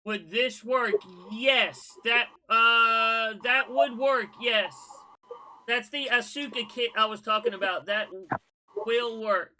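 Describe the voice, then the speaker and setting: A man with a drawl hosts a laid-back scale modeling livestream. His voice sits high and sounds sharp and bright, with a faint hiss of noise behind it. He chats and gives advice in a folksy way. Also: takes it slowly. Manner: relaxed, folksy, advice-giving. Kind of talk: casual livestream chat.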